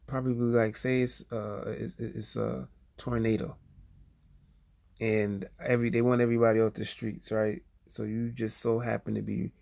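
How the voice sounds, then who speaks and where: A man's voice: medium pitch, creaky, a little mellow. A man talking bluntly to viewers in a rambling casual livestream monologue, leaning on "you know" and "okay?" as he goes.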